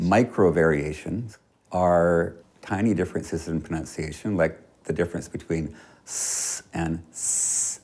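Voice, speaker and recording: Deep-voiced male speech researcher, exacting, acts out the sounds he explains. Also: fairly even intonation, measured pace, darkish tone. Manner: precise, demonstrates sounds by example. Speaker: linguistics researcher. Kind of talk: interview explanation.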